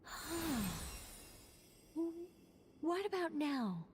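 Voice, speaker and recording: An actress playing a composed, formal young mage examiner in a video game, speaking politely and with confidence. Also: female voice, sits high, very animated, slight background noise, heavily acted. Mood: curious, impressed. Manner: measured, polite, instructing. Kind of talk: English video game voice acting.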